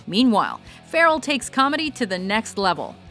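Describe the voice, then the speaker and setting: Bright, lively woman narrating a film countdown. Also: fairly high pitch, normal speed. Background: music bed.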